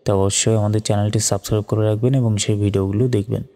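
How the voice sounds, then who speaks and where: A man teaching Quran recitation step by step. He spells out Arabic syllables slowly and patiently, and chants the verses slowly and melodically. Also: lowish voice, little pitch movement, warm tone, long reverb tail.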